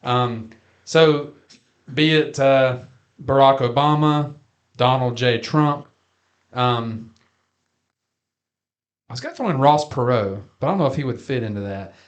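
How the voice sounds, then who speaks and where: A man in casual podcast chat, folksy and joking as he goes. His pitch sits in an ordinary middle range. He stretches out some phrases with a homespun drawl. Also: lo-fi sound. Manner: folksy and jokey, drawn-out phrasing. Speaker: podcast co-host.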